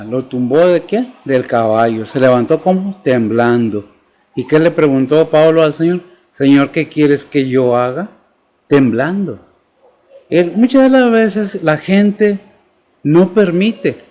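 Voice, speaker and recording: A man's voice: on the high side, a little mellow. A male pastor, preaching and posing questions to the congregation. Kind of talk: sermon.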